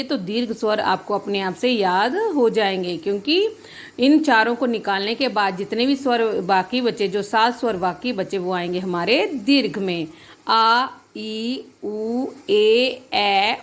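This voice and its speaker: A woman teacher giving a grammar lesson, patient, repeating each point and checking that her students follow. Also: a little high. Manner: addresses students as children.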